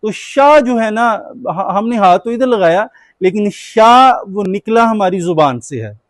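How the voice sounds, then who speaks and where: A man's voice: high-pitched, animated, unhurried, dry recording. A man teaching a class, patiently asking his students questions and having them answer back. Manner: patient call-and-response questioning. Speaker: Quran teacher.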